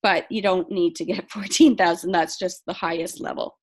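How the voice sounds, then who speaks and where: A woman's voice: on the low side, fairly even intonation, normal speed. A woman casually walking a sales team through program rules, reading questions aloud and answering them with frequent ums. She says she is losing her voice. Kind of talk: casual training talk.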